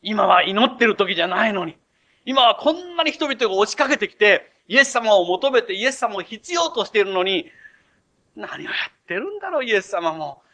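An impatient grown disciple who mutters complaints and presses his point, as a preacher puts him on. His voice is high and bright, and it swings widely in pitch. He sounds exasperated. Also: very animated, a little fast, full character voice. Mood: grumbling. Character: grumbling adult male disciple, impatient.

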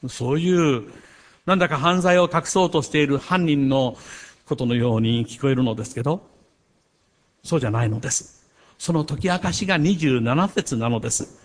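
A man preaching a sermon as a pastor, earnest, swelling louder on key points and dropping softer when telling a personal story. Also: mid-range voice, moderate pace.

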